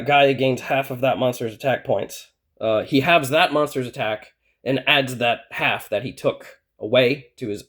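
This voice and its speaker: A man hosting his own channel, walking through a card deck in a casual, rambling way, with lots of fillers and little chuckles. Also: mid-range voice. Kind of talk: casual deck profile talk.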